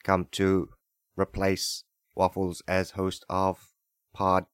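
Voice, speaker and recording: A man voicing a male robot that copies a podcast host, in a stiff, flat robot voice. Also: sits low, slow, smooth, no room sound, clean studio sound, voice pushed down. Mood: mechanical. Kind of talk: comic improvised podcast bit.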